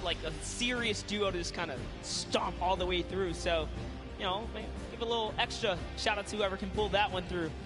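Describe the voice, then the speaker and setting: A male esports co-caster with a very high voice, shouting hyped play-by-play from an arena desk. Loud music plays behind him throughout. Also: fairly quick. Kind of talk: live esports commentary.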